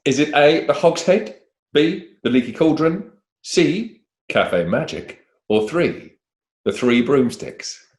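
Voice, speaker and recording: A man's voice: fairly high pitch, expressive, slow pace. Chatty man reading quiz questions. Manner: reads questions cheerfully, chatty and anecdotal. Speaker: quiz co-host. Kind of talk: playful quiz hosting.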